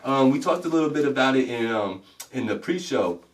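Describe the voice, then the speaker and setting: A man hosting a casual interview show, hyping the viewers with shout-outs and laid-back banter. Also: mid-range voice, animated, a little fast, far from the mic. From Puerto Rican family. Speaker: host. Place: studio in Beacon, New York.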